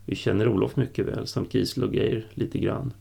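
A patient Danish warrior in an audiobook, voiced by the male narrator. He talks calmly and reassuringly. His voice is low, husky and gravelly. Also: exaggerated voice. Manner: calm, reassuring.

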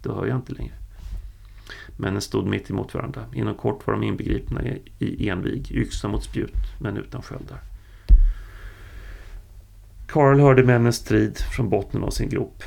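A man narrating a story audiobook-style in a steady, unhurried way. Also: on the low side, creaky.

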